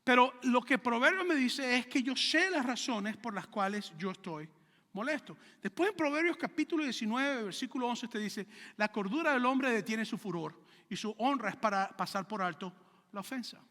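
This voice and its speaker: High bright-voiced pastor guy preaching, lots of questions to the crowd, big hall echo. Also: moderate pace. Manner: animated preaching with rhetorical questions and acted-out anecdotes. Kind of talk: sermon. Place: church sanctuary.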